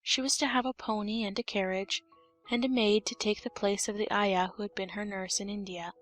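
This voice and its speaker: With faint music behind her, a female audiobook narrator reads a storybook aloud from a script. Her voice is average in pitch and steady in tone, and she moves along fairly quickly.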